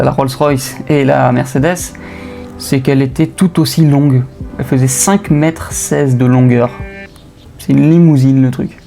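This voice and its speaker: A man's voice: mid-range voice, vocal fry, warm tone. Young Frenchman, slangy car chatter. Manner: slangy and joking, with filler hesitations. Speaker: car channel host. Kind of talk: casual voice-over commentary. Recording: faint music bed behind voice. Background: faint lofi music.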